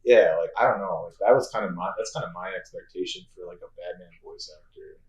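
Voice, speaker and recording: Lowish man chatting in an echoey room. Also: quick pace. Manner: animated, acts out gruff movie lines. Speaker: podcast co-host. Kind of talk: casual chat.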